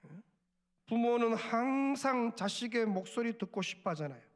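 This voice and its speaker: A middle-aged male pastor preaching a sermon at a Friday prayer meeting, earnest, moving between hushed murmurs and raised exhortation. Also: very high-pitched, expressive, moderate pace.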